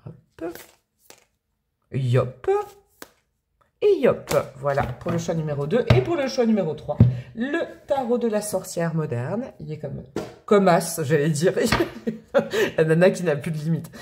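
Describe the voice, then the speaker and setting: A woman's voice: fairly low pitch, darkish tone. Chatty woman doing a tarot reading. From France. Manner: chatty, bubbly, slangy and affectionate, with many fillers. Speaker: tarot reader and channel host. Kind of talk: casual tarot reading to camera.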